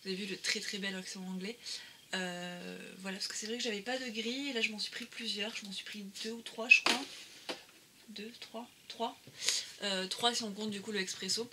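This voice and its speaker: A woman's voice: medium pitch, steady tone, normal speed, noisy background. A woman talking casually through a craft-supply haul, with many fillers and restarts. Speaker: craft vlogger.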